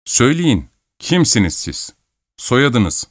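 A man doing a furious shouting young man. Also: medium pitch, sing-song, slow, no echo, clean studio sound. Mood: angry shouting. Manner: curt, shouting, contemptuous. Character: hot-tempered young man, shouting insults. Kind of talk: audiobook reading.

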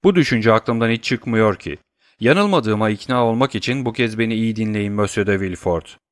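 A man voicing a middle-aged male doctor who questions urgently and speaks gravely. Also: on the low side, moderate pace, no room sound, natural voice.

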